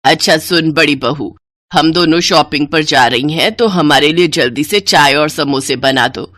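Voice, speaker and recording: A woman voicing a harsh, scolding older mother-in-law in a cartoon story, with a low, scornful delivery. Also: normal speed, a bit bright, no room sound. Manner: scornful, bossy.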